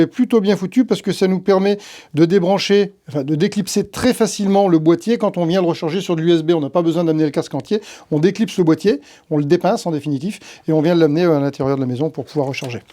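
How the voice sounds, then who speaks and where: This tutorial host, who works with trees, demonstrates hands-on with his gear, narrating each step in a relaxed way and thinking aloud. His slightly high voice is warm and quick.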